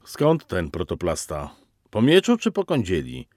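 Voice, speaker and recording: A man's voice: deep voice, huge pitch swings, unhurried, a little mellow, no room sound, voice pushed down, heavily acted. A man voicing a wry young handyman who talks in a dry, mock-professorial way. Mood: puzzled.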